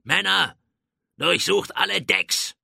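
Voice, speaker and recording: A man's voice: deep voice, animated, normal speed, pushed and bright, breathy edge, no echo, studio quality, heavily acted. A man voicing a bold, self-assured male pirate captain who barks orders, in a storybook reading. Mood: cool, assured.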